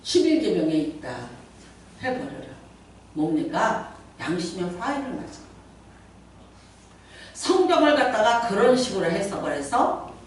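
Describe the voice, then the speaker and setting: A middle-aged woman pastor giving a Sunday sermon, chatty and playful as she tells stories and acts out quotes. Her pitch swings widely and animatedly. The sound is very echoey, with the mic set well back in a church hall. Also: distant mic, slight background noise. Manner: conversational storytelling with playful asides and acted-out quotes. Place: church sanctuary.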